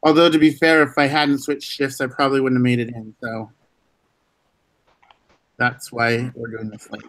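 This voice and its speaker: A man's voice: mid-range voice, flat delivery, moderate pace, fairly bright tone, no echo. A man hosting a casual live stream over a video call, talking in an easygoing way with fillers and restarts. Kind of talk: casual chat.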